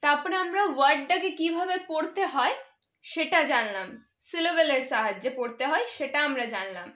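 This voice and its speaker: Female teacher, high bright voice, patient letter-by-letter spelling, echoey room. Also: lively intonation, fairly quick. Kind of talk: children's English lesson.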